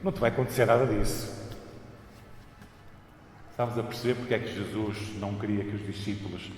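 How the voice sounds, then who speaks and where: A man's voice: fairly low pitch, steady tone, a little fast, darkish tone. A man with a European Portuguese accent preaching a sermon emphatically, repeating phrases for stress, in a large church with cathedral echo. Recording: cathedral-like echo, long reverb, faint noise.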